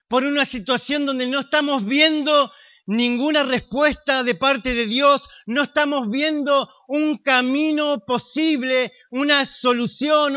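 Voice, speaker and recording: A man preaching a sermon in a Rioplatense accent, slow and emphatic with dramatic pauses. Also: very high-pitched, pushed and bright. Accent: Rioplatense Spanish. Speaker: pastor. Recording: slightly dull lo-fi sound.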